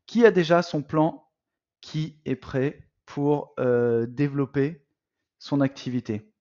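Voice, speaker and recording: Slow and mid-range in pitch, a man coaches aspiring entrepreneurs in a live online masterclass, addressing them warmly as "les amis" in an animated way, full of fillers and restarts. The audio is lo-fi.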